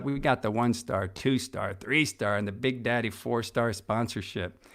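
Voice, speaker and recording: Man, middle-aged, podcast host, clear smooth voice, mid pitch, eager casual delivery, lots of uhs and restarts. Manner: energetic, enthusiastic, with many fillers and restarts. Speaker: podcast host and conference organizer. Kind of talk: casual promotional podcast talk.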